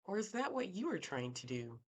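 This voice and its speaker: A woman's voice: lowish voice, very animated, brisk, a little mellow, voice pushed up. A woman voicing an eager, slightly pushy young male podcaster in his late twenties, reading an audiobook.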